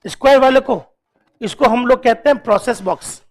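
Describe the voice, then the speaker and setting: A man teaching a classroom lecture, drilling key points slowly, repeating them and quizzing students with questions while urging them on. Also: extremely high pitch. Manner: coaxing and encouraging toward students.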